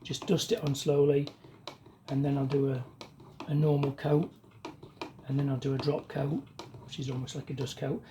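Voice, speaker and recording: A woman's voice: a bass voice, moderate pace, long pauses, slight background noise. A woman talking casually to camera while spray-painting a car part in her home garage, her voice muffled by a paint mask. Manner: relaxed, chatty running commentary. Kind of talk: casual talk while working.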